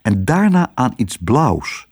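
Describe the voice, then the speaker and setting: A man reading a children's storybook aloud with expressive, lively narration. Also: medium pitch, slow pace.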